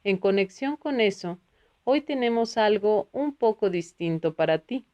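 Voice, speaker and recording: A woman's voice: medium pitch, expressive, a little slow, warm tone, lo-fi sound, natural voice. A woman voicing a kindly male spiritual teacher who explains patiently in a read-aloud book.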